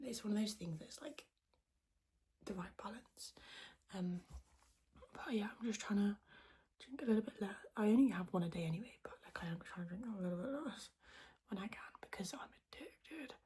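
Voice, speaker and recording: A woman podcast host whispering in a hushed, quiet voice so as not to wake anyone, chatting casually in a rambling, self-deprecating way. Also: medium pitch. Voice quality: whispered, breathy voice. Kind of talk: casual chat to podcast viewers.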